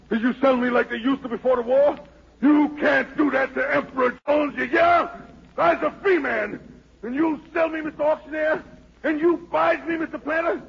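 An actor playing a proud, desperate fugitive emperor with a Southern American accent and anguished, pleading delivery in a radio drama. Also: male voice, very high voice, gravelly, fairly bright tone, heavily acted. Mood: defiant, outraged. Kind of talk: 1940s radio drama acting. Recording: dull 1940s radio broadcast.

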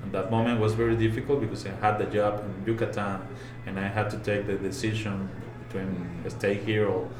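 A man from Venezuela with a Venezuelan Spanish accent, a brewer answering interview questions in halting English as he searches for words. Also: fairly low pitch, flat delivery. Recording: roomy sound with background noise.

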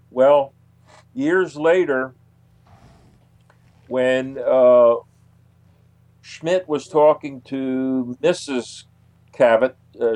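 Appearing as an interview guest, a man with a medium-pitched, darkish voice recounts anecdotes casually. His delivery is halting and hesitant, broken up by long pauses.

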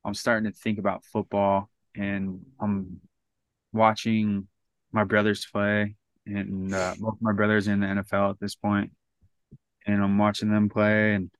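Measured in pace and monotone, this thirty-something podcast guest's lowish voice comes through with no room sound. He rambles through his story casually, restarting often and leaning on "like."

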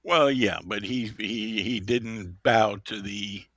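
A hoarse man co-hosting a casual podcast, cracking sarcastic deadpan jokes. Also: fairly low pitch, slow, no room sound, clean studio sound. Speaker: podcast co-host. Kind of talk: casual chat.

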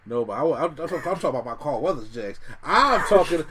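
A man with a slightly high voice hosts a relaxed debate among friends. He moves between announcing each matchup and bantering about it in loose, conversational talk. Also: fairly quick, noisy background. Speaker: host of a bracket debate show.

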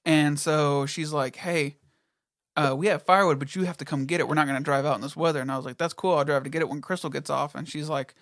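A man recounts a story in relaxed conversation, his voice sitting a little high for a man. He swears freely and acts out both sides of the exchanges. The sound is dry and close. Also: fast talker, no echo. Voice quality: profane, storytelling with quoted voices. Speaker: friend telling a story. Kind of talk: casual chat.

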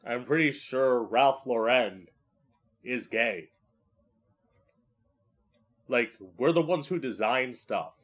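Slow-talking campy man, drag queen podcaster. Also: mid-range voice, a bit bright. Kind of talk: rambling solo podcast chat. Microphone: podcast microphone, live streamed.

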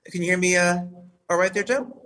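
A man's voice: high-pitched, sharp tone, distant mic. Man hosting a talk show over the phone. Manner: formal, measured, with fillers. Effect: heard over a phone. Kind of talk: hosting a live radio and video talk show.

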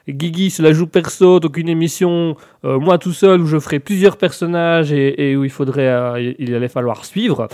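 A man hosting a live web radio show, chatting playfully and rambling with self-mocking humor. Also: on the high side. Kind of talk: casual live radio chat.

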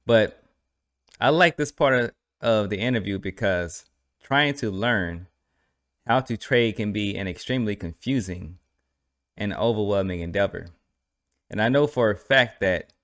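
A man's voice: on the low side, dry recording, clean studio sound. A man hosting a podcast, talking casually to listeners and often tagging lines with "right?". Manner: conversational, repeats "right?" to the listener. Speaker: podcast host. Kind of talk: solo podcast commentary.

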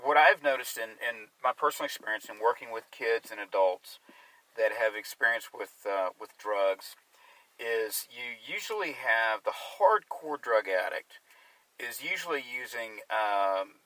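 A man's voice: mid-range voice, lively intonation, unhurried, sharp tone, no echo, distant mic, low-quality recording. A man who works as a drug and alcohol counselor, talking casually and working through his thoughts as he goes, sometimes sarcastic. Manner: conversational, sarcastic at times, searching for words. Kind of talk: casual discussion.

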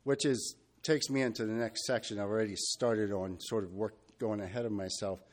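A man preaching a sermon, talking freely with fillers and restarts, and reading scripture in a steady measured cadence. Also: lowish voice. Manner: unscripted and searching, with restarts and fillers.

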